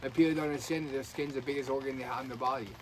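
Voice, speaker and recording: A man's voice: mid-range voice, steady tone, very fast. A man talking in a casual, earnest, rambling way, often restarting his sentences. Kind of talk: casual conspiracy chat. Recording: faint background noise.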